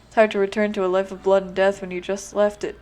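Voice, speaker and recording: A woman doing a stiff, quiet male doctor. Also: medium pitch, flat delivery, fast, lightly acted. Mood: reserved. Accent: American Southern. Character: tense, reserved male clinic doctor.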